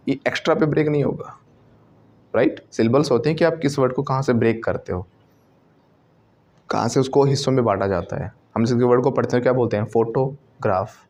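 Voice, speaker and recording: A male teacher with an Indian accent giving a classroom lesson, mixing Hindi and English and repeating words slowly for students to copy. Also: mid-range voice, a little mellow, slight background noise.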